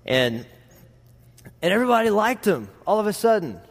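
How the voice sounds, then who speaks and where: A very animated Texas man with a high voice and a rural drawl preaches at a normal speed. Rambling and self-deprecating, he gives a folksy, anecdote-filled sermon to a congregation, and the big room makes the recording echo like a hall.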